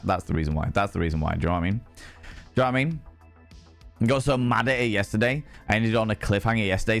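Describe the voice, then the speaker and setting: A livestream host with a lowish voice, hoarse after a day of shouting, greets his viewers. His casual chat is full of playful, theatrical flourishes.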